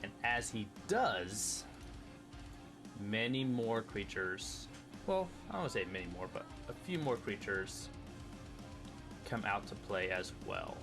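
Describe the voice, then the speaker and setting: A man acting as game master, calling rolls and describing the fight in a relaxed way. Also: on the low side, unhurried, pauses often. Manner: relaxed, counting out movement and rulings. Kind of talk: running a tabletop game. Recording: music playing behind.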